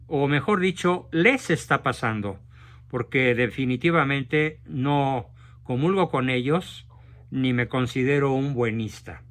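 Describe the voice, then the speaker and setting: Slow-talking Mexican man telling a fable. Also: mid-range voice. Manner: frank, direct, forceful. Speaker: host of a talk session. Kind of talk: storytelling talk.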